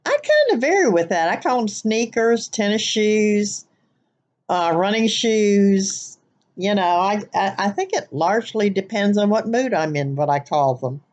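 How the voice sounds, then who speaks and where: This is a vlogger's accent tag video: an older woman from the American Midwest chats casually, somewhat ramblingly, to her webcam on her living room couch. Her medium-pitched voice is a little mellow, and her accent mixes Southern US speech with Wisconsin nasal twang.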